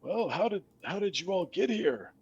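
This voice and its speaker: A man voicing a confused, forgetful skeleton in a tabletop game, helpful but halting and trailing off. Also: high-pitched, big pitch swings, darkish tone, breathy edge, lo-fi sound, pitched above the performer's own voice, full character voice.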